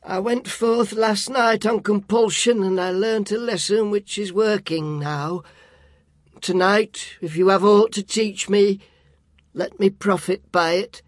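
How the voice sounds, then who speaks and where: A man voicing an old male miser, timid and submissive, with a strained, high, pleading delivery. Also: steady tone, slow, no room sound.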